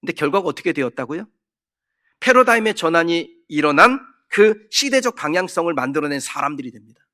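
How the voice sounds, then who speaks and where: A man's voice: fairly high pitch, very animated, fairly quick, pushed and bright. A man, a pastor, preaching a sermon in earnest, asking rhetorical questions and now and then rising sharply for emphasis. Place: church sanctuary.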